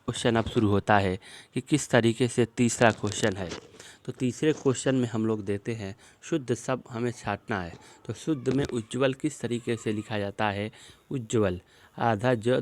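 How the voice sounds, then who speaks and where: Spelling questions appear on a screen as a man leads an exam-prep lesson, saying each word slowly again while explaining it. His voice is fairly low and a little mellow.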